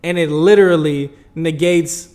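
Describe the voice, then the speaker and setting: A man's voice: a little high, fairly even intonation, unhurried, darkish tone. Laid-back male podcast co-host. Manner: laid-back, blunt, joking. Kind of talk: casual chat.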